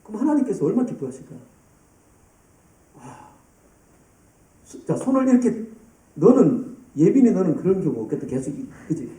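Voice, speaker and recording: Male youth pastor, lively sermon, dark mellow tone, echoey church hall from a distance. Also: high-pitched, normal speed, pauses often. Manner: lively, addresses students by name and acts out scenes.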